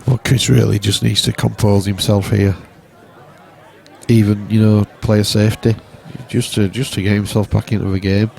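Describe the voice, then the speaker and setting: Man, low, dark gravelly voice, teasing snooker commentator, club stream. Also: flat delivery, normal speed, some chatter behind. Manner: wry, teasing, chatty. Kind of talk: relaxed live sports commentary.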